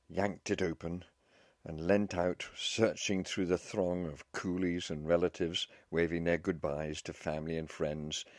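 A man narrating a story in a measured, scripted audiobook reading. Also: low-pitched, dry recording, studio quality.

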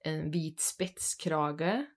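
A Swedish woman in her thirties, co-hosting a podcast and telling a spooky personal story in an animated, chatty way. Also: low voice. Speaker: podcast co-host. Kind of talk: casual storytelling chat.

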